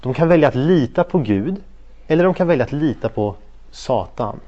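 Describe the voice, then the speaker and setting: A man's voice: medium pitch, lo-fi sound. A man teaching a Bible study, telling stories with acted-out voices and often checking that his listeners follow along. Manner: animated storytelling, acts out quoted voices, checks in with listeners often. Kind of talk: interactive Bible study lesson.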